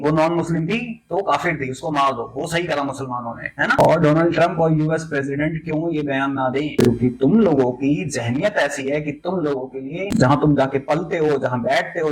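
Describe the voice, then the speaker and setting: Male reaction commentator, higher voice, furious insulting rant. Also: rough recording. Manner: insulting, ranting, confrontational.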